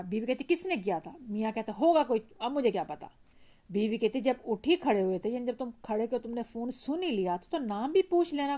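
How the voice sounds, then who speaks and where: Woman explaining an Urdu lesson. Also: a little high. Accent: Pakistani Urdu. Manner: reads the dialogue with raised, animated voices, then explains in a calmer voice. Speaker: teacher. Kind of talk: reading aloud a Urdu lesson and explaining it line by line.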